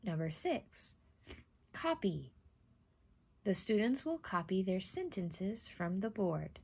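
Female teacher for scripted spelling dictation, careful enunciation, husky and creaky voice. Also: medium pitch, sing-song, a little mellow. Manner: deliberate enunciation, isolating each word and repeating it. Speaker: teacher giving a spelling test.

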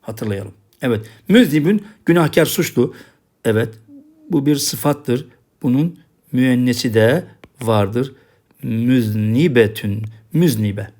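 A man's voice: mid-range voice, darkish tone. A man teaching a recorded language lesson, patiently drilling each word and repeating the same checks. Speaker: Arabic teacher.

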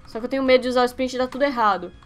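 A young Brazilian woman giving let's-play commentary on her webcam setup, excitable and quick to yelp and shriek at each slip. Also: on the high side, faint music behind. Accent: Brazilian Portuguese. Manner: excitable, yelps and shrieks when failing. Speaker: gaming youtuber.

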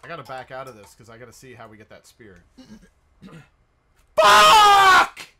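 A man's voice: medium pitch, racing, noisy background. An American man chatting casually on a livestream, rowdy and jokey, swearing freely. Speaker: live streamer. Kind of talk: casual, profane livestream chat.

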